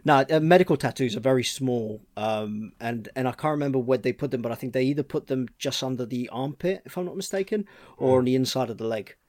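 A man's voice: mid-range voice, quick pace, darkish tone. A man co-hosting a podcast in casual chat, blunt and jokey, swearing freely. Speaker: podcast co-host.

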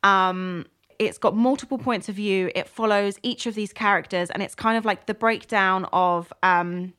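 A woman's voice: mid-range voice, fairly even intonation, normal speed, a bit bright, clear, resonant tone. A woman co-hosting a book podcast, chatting casually with many fillers and restarts. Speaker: podcast co-host.

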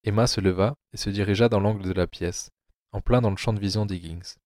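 A man narrating an audio drama adaptation of a novel in a low, steady storytelling voice. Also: no room sound, clean studio sound.

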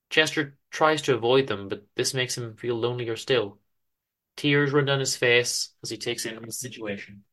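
Reading his show's story, a host gives a theatrical, emphatic dramatic performance with deliberate pauses. His mid-range voice sounds bright and forceful.

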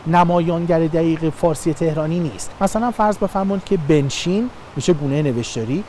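A man's voice: fairly high pitch, dark tone, a little hiss or hum. A man who is a linguist, explaining speech forms with examples in a documentary interview.

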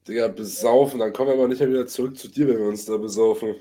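A man's voice: mid-range voice, fairly even intonation, very fast, mellow. A man hosting a podcast, chatting casually with short teasing remarks. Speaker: podcast host. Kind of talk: casual chat.

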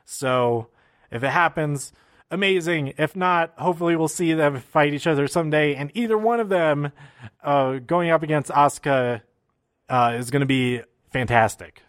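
A man casually recapping wrestling shows, excitable and rambling, with many fillers and restarts. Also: on the high side, moderate pace, dry recording, studio quality.

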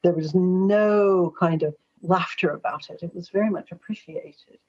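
Husky and forthright, this American woman from Los Angeles is an astrologer and columnist guesting on an interview, where she chattily tells stories. Her voice is lowish, unhurried and a little mellow, and the recording is slightly dull and lo-fi.

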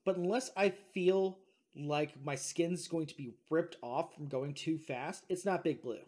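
A man's voice: fairly high pitch, unhurried, darkish tone. A man co-hosting a casual gaming podcast, enthusiastic and prone to ranting and storytelling. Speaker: podcast co-host. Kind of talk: casual chat.

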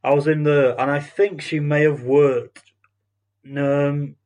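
Halting man telling a story. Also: a little high, little pitch movement, a little mellow. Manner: halting, many restarts and fillers. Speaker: podcast host. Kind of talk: casual storytelling chat.

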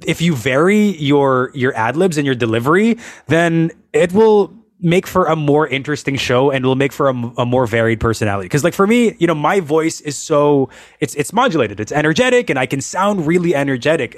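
A man's voice: fairly high pitch, dry recording, clean studio sound. A young man with a Filipino accent, a radio DJ chatting casually and animatedly about his craft. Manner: animated, switches into playful on-air announcer voices. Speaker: radio DJ and co-host. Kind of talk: casual chat.

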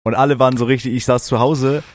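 A man's voice: medium pitch, steady tone, fast talker. A young man co-hosting a podcast, joking crudely and teasing his friend in casual chat. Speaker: podcast co-host.

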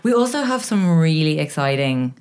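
An excitable woman with a south Dublin accent, co-hosting a casual podcast chat. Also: low voice, moderate pace. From Dublin, Ireland. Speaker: podcast co-host.

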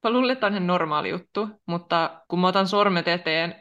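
A young woman co-hosting a podcast, chatting casually in a lively way and laughing often. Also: on the low side, highs cut off. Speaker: podcast co-host. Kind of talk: casual chat.

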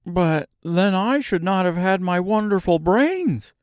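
A man's voice: sits high, expressive, measured pace, no room sound, studio quality, pitched above the performer's own voice. A man voicing the Scarecrow, a cheerful straw man, in a raised storybook voice. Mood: grateful.

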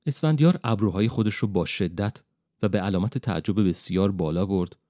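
A man reading a fantasy audiobook as first-person narration in a calm, measured way. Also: fairly low pitch, no room sound, studio quality.

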